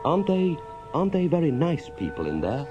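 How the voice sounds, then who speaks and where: Man voicing a high-pitched, wide-eyed little storybook mole. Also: huge pitch swings, brisk, muffled recording, over music. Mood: curious, timid. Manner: eager, innocent, hesitant questioning. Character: shy, wide-eyed, easily delighted little male mole. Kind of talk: children's storybook character reading.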